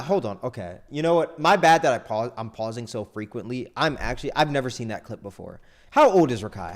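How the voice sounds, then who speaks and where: Casting: man, live reaction streamer, lively pitch, disbelieving outbursts. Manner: animated, incredulous outbursts.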